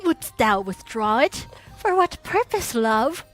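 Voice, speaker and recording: A woman playing a lovestruck, dreamy young man in a theatrical Shakespeare reading, speaking in a measured, yearning manner. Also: on the high side, very animated, faint music behind. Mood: wistful.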